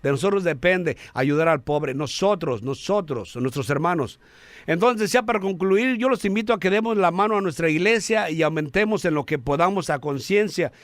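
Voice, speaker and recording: A man giving an earnest radio sermon, calling listeners brothers, halting now and then with fillers and restarts. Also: high-pitched, no room sound. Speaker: radio preacher.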